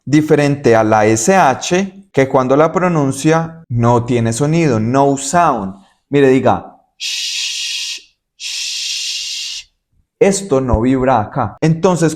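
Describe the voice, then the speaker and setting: A man's voice: mid-range voice, a little mellow. A man teaching English in Spanish, explaining patiently and repeating example words to demonstrate pronunciation. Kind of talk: Spanish-language English lesson.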